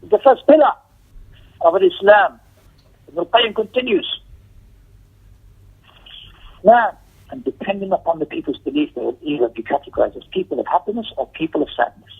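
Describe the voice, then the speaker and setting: A man with a high, animated voice delivers an Islamic lecture at a moderate pace, his speech showing vocal fry, a breathy edge and long pauses. Teaching as a religious teacher, he comments on a text emphatically, repeating phrases, posing rhetorical questions and shifting into Arabic recitation. The audio is tinny and narrow, like a telephone line.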